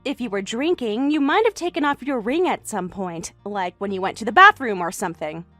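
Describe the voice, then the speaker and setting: A woman in her late thirties voicing a composed older sister who reasons calmly and stands firm when pushed, in a voiced text-message story. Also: on the high side, fairly quick, no room sound, faint music behind. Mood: reasoning. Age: late 30s. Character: composed older sister, single, near forty.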